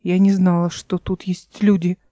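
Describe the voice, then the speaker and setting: A woman's voice: on the high side, animated, a little fast, mellow, no room sound, close to an everyday voice. Woman reading a tough young woman captain. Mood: hushed. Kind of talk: audiobook character reading.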